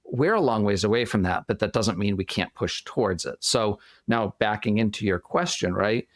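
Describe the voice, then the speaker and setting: Male podcast guest, Boston accent, lower voice, explanatory, asks and answers his own questions, very dry recording. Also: normal speed, no room sound. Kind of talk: explanatory interview talk.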